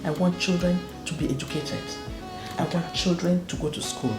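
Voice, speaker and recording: The speaker, a school proprietor from northwest Cameroon, replies to an interviewer earnestly and leans on repetition for emphasis. Her voice is on the low side, with a steady tone at a moderate pace; the recording has a roomy echo and faint music.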